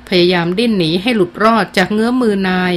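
A woman reads a novel aloud in a measured, expressive style. Her voice sits at a middling pitch, with faint noise underneath. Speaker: audiobook narrator. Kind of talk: scripted narration.

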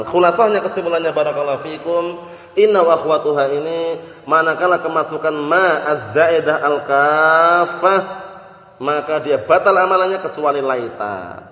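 A male religious teacher giving a grammar lesson, repeating terms, translating them and often asking whether everyone understood. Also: on the high side. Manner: keeps checking if listeners understood. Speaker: Islamic teacher. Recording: echoey hall, dull lo-fi audio.

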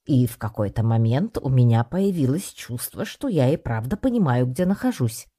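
A man narrating an audiobook with lively first-person storytelling in the voice of a cat. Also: medium pitch, moderate pace. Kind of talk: scripted narration.

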